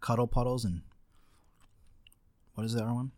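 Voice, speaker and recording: A man's voice: medium pitch, moderate pace, darkish tone, no echo. A man co-hosting a casual podcast chat, laid-back and swearing now and then, talking over a drink and some food. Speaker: podcast co-host. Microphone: podcast microphone.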